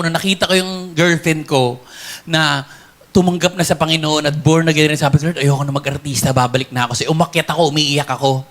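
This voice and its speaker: A man's voice: a little high, a bit bright. A middle-aged man, a former comedy actor, telling his personal faith testimony in an earnest, emotional, conversational way.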